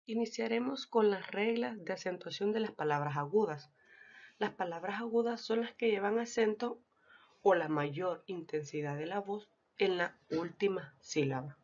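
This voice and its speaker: A woman teacher narrating a recorded lesson in a deliberate, explanatory way, reading out lists of example words one by one. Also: medium pitch, darkish tone. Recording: dull lo-fi recording.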